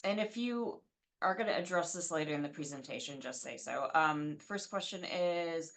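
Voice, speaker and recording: Woman, slightly low voice, moderator, hesitant, reads out audience questions. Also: animated, moderate pace, vocal fry.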